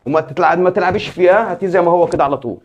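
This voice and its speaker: A man's voice: high-pitched, rapid-fire, muffled recording. An Egyptian man acting in a comedy sketch, first confronting his wife, then pleading with a friend. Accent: Egyptian Arabic.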